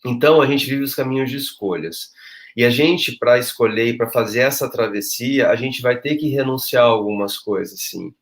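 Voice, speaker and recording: A man's voice: medium pitch, normal speed. A man speaking as a guest, emphatic and acting out quoted thoughts. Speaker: guest, social project leader. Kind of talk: conversational discussion.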